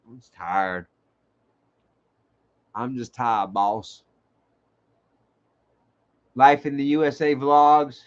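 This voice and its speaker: A man talks loosely to viewers on a live stream, cursing freely and circling back over his own sentences. His voice sits a little high for a man. The audio is dull and lo-fi. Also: smooth. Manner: rambling, profane, restarts sentences. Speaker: livestream host. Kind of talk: rambling live-stream chat.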